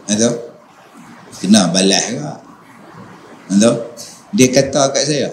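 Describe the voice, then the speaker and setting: A man's voice: lowish voice, animated, unhurried, pitched below the performer's own voice. A man voicing a stubborn, aggrieved male congregant with a Northern Malaysian accent who keeps asking for agreement. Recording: echoey mosque hall, faint noise.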